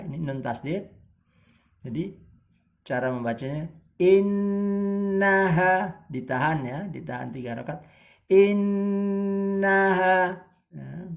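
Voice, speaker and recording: A man's voice: medium pitch, creaky. A man teaching tajwid, patiently explaining reading marks and stretching out recited example words.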